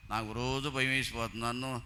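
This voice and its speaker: A man's voice: mid-range voice, flat delivery, fairly quick, sharp tone, a little hiss or hum. A man preaching a sermon in church, telling anecdotes and acting out the people he quotes.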